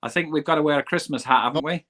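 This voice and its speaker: A man's voice: fairly high pitch, very fast, sharp tone. A man as a guest on a casual podcast interview, easygoing and self-deprecating, laughing often. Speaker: guest, van camping vlogger.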